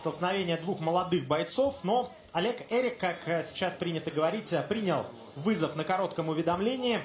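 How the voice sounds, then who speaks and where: A man commentating live on a fight, explaining the action in halting phrases. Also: high-pitched, expressive. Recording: echoey, loud music and crowd.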